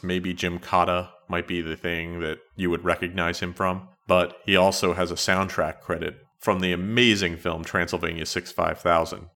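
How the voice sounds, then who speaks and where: A middle-aged man hosting a solo retro podcast in a measured, conversational, matter-of-fact way. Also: low voice, bright, forceful tone. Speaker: podcast host.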